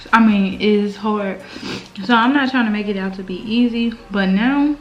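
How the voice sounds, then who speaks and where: A woman's voice: medium pitch, normal speed. American woman chatting casually, slightly dull sound. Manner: informal, slangy, earnest advice-giving. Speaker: mukbang host. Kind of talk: casual girl talk while eating.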